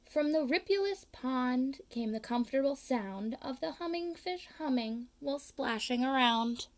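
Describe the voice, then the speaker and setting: A woman reads a children's picture book aloud, slowly and expressively. Her pitch swings widely on key words.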